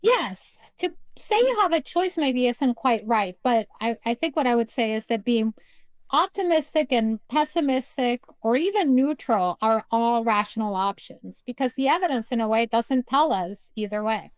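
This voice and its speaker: A woman from Peru, a philosophy professor, speaking as a guest on a radio talk show with thoughtful, measured explanations. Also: a little high, animated, dry recording. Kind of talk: radio interview conversation.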